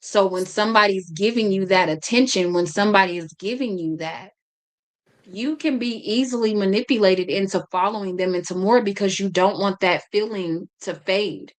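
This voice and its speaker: A woman's voice: medium pitch, moderate pace. A woman hosting a podcast, chatting casually, talking a lot and often stumbling and restarting her sentences. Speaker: podcast host.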